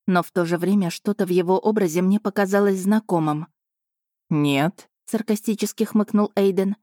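A woman narrating an audiobook in the first person at an even, measured pace, close to the mic. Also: lowish voice, no room sound.

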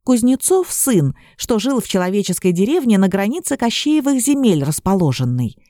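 A woman reading a fairy-tale audiobook in the first person, in an even storytelling manner. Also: medium pitch, normal speed, no room sound, clean studio sound. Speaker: audiobook reader.

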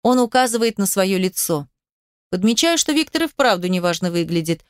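A woman's voice: mid-range voice, lively intonation, normal speed, clear, resonant tone, dry recording, clean studio sound. A woman reading a first-person story aloud in a wry, sarcastic way. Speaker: narrator. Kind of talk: first-person audiobook narration.

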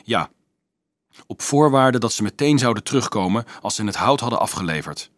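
A man's voice: lowish voice, animated, normal speed, fairly bright tone, dry recording, studio quality. A man reading a grumbling wary gatekeeper. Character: gruff suspicious medieval gatekeeper man.

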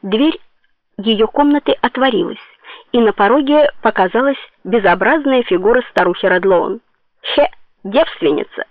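A woman narrating a dramatic novel in a steady storytelling voice. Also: on the high side, moderate pace, no room sound. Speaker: audiobook narrator. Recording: tinny phone-like dry sound.

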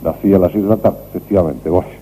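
Locutor de radio nocturna: voz grave y oscura, tono pausado, grabación antigua con ruido. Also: male voice, low voice, warm tone. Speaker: radio host. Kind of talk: late-night radio talk. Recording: noisy old radio recording.

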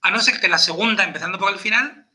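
A man's voice: high voice, fast talker, pushed and bright. A man explaining pronunciation rules step by step in a patient teaching chat, checking in with his listener. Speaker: podcast presenter teaching Elvish pronunciation.

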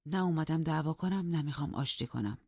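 A woman voicing a sorrowful young gentleman who presses steadily for an answer, in an audiobook. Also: deep voice, breathy edge, no room sound, highs cut off. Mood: insistent. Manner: steady, insistent and pleading. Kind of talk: audiobook character reading.

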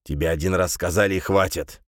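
A man voicing a gruff, blunt older man who mutters in a low voice. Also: fairly even intonation, brisk, no echo, studio quality, natural voice. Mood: grumbling.

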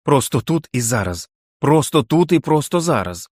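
A man's voice: medium pitch, sing-song, moderate pace, a little mellow, no echo, clean studio sound, voice pushed up. A man voicing a desperate, furious teenage boy who pleads in a raised voice. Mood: defiant.

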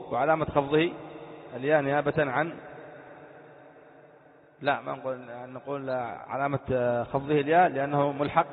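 A man, a sheikh, giving a classroom grammar lesson and quizzing his students with quick questions. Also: mid-range voice. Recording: tinny lo-fi sound in echoey hall.

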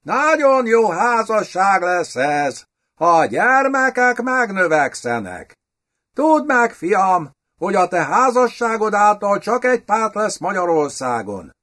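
A man voicing a foppish, affected foreign nobleman in an audiobook, with a hoarse voice and mannered, foreign-sounding pronunciation. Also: high-pitched, big pitch swings, a bit bright, pitched above the performer's own voice. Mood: smug. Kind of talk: audiobook character voice.

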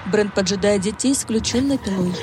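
A woman's voice: medium pitch, brisk, heavy background noise. A woman reading scripted audio description of a film as its narrator, in present tense. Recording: voice-over on loud film music. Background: film music.

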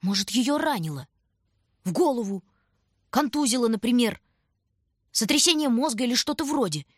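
A woman voicing an excited, protesting young boy. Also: a little high, moderate pace, slightly rough, dry recording, clean studio sound, voice pushed up. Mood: agitated. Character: Shurka, frightened agitated boy.

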